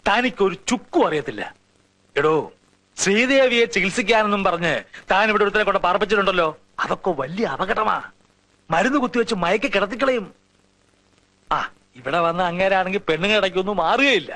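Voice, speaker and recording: A man's voice: sits high, animated, a little fast, long pauses, sharp tone. An actor playing a blustering, superstitious old uncle who scolds his nephew in a 1990s film drama. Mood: boastful. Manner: scolding, boastful.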